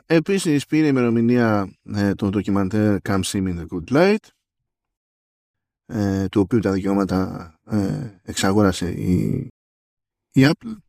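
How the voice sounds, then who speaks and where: A man's voice: lowish voice, a little mellow, no room sound. Guy cohosting a tech podcast, wry, chatty, dry close mic. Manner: chatty, wry, reads out news items. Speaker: podcast co-host. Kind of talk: casual chat about tech news.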